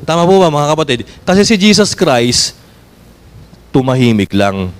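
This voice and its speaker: A man with a Filipino accent preaching a sermon as pastor, asking the congregation questions and reading verses slowly. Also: fairly high pitch, a little hiss or hum. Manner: switches between Tagalog and English, reads verses slowly; animated, asks the congregation questions.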